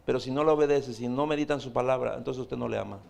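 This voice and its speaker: A man's voice: mid-range voice, very fast, vocal fry, darkish tone. A man, preaching a sermon as pastor, pressing his point with repeated rhetorical questions.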